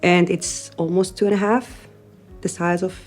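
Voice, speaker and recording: Soft-spoken Syrian woman, earnest and halting. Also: lowish voice, flat delivery, faint music behind. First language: Arabic. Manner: earnest, thoughtful, frequent hesitations. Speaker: interviewee, newcomer parent. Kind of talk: interview testimony.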